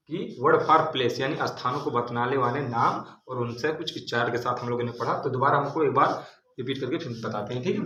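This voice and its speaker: A man teaching English vocabulary as a classroom lesson. He spells each word letter by letter, then repeats its meaning with a steady "ok". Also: medium pitch. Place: large classroom. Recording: echoey room, faint background noise.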